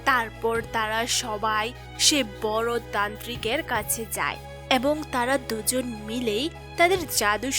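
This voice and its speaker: A woman reading scripted narration for a children's cartoon story. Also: fairly high pitch. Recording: loud music under narration.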